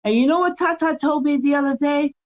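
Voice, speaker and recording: A woman's voice: sits high, a little fast, dull audio. An older woman co-hosting a spiritual talk show, speaking in an impassioned, pleading and repetitive way. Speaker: co-host.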